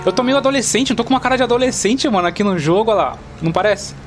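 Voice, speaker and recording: A man with a Brazilian Portuguese accent giving chatty, excitable gameplay commentary to his viewers. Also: high-pitched, very fast, faint music behind. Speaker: gaming channel host. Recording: loud car and game sounds behind.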